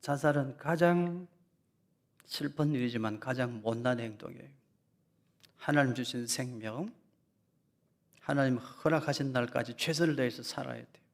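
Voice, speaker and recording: A man's voice: medium pitch, moderate pace, gravelly, pauses often. A man preaching as a pastor in an emphatic Sunday lecture sermon, repeating key phrases and speaking straight to his congregation. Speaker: senior pastor. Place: church sanctuary.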